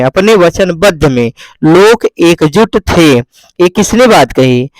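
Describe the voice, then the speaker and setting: A man teaching English from a newspaper, often asking and answering his own questions and reading English lines very slowly. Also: fairly high pitch, dry recording, low-quality recording.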